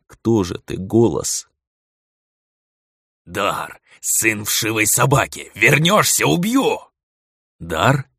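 Deep-voiced man narrating an audiobook. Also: no echo, studio quality. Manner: dramatic, expressive reading. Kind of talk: first-person audiobook narration.

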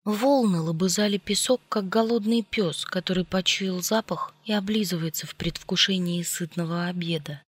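Low-voiced woman narrating an audiobook. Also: moderate pace, few pauses, husky, dry recording. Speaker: audiobook reader. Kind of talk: first-person audiobook narration. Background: faint music.

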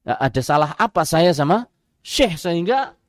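A man's voice: fairly high pitch, sing-song, normal speed, no echo, pitched above the performer's own voice. Worried male security guard, anxious and questioning, as a preacher puts him on, in a dry close sound.

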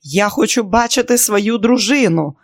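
A reader voicing a young husband who shouts and sobs in raw grief, in an audiobook. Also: medium pitch, animated, moderate pace, no room sound, studio quality, voice pushed up. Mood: frantic. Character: young man, grief-stricken and frantic.

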